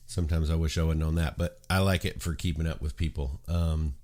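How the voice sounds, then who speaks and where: A morning chat show host with a rumbling low voice speaks fairly quickly despite a mild cold's congestion. He rambles in a relaxed manner, full of ums and uhs.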